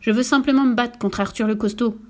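A woman's voice: a little high, fairly even intonation, fairly quick, a little mellow, lightly acted. A woman voicing a bold, cheeky and very strong little redheaded girl in a storybook reading, with a carefree, impertinent manner. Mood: indignant.

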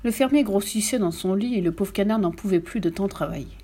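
A woman reading a children's picture-book story aloud with expressive, animated storytelling and playful animal sounds. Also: mid-range voice, brisk, breathy edge.

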